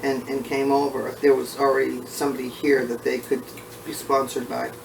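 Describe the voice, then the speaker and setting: A man who is short of breath, talking casually and haltingly with frequent pauses as he recalls family history in an oral history interview. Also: medium pitch, monotone, vocal fry. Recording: roomy, distant mic, faint background noise.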